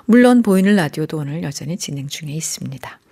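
A woman hosting a radio program, gently talking and reading out listener messages from a studio microphone. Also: low voice, expressive, fast, husky. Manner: gentle, reads listener texts aloud.

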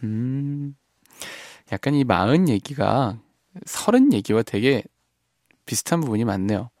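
A man hosting a studio radio show reads out messages from listeners and muses on them in a soft, gentle manner that frequently fades off quietly. His medium-pitched voice is very animated yet unhurried, recorded echo-free on a studio mic.

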